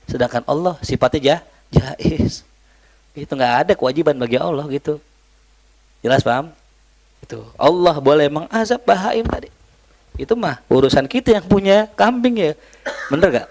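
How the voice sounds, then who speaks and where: A man teaching an Islamic study class, mixing Arabic recitation with joking, colloquial asides to his students. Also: a little high. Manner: lively, joking, colloquial Jakarta slang mixed with Arabic recitation. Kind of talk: religious study lecture.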